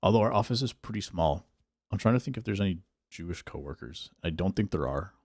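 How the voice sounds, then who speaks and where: Low, gravelly-voiced male streamer. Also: fairly quick, no room sound, studio quality. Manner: thinks aloud, reads and answers chat, relaxed. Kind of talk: casual gameplay livestream chat.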